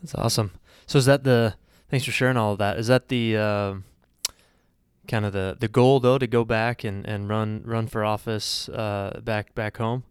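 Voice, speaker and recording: Male podcast host, thirties, low and very clear, casual and filler-heavy. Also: normal speed, no echo, studio quality. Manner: relaxed, filler-heavy, friendly. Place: studio.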